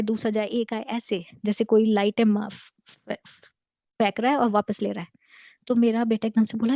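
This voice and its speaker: A woman in her thirties earnestly telling a devotional story to a congregation, mixing in English words and dropping to a hush at tense moments. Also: on the high side, dry recording. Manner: drops to a hushed near-whisper at tense moments. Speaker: devotee sharing a testimony. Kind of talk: devotional satsang testimony.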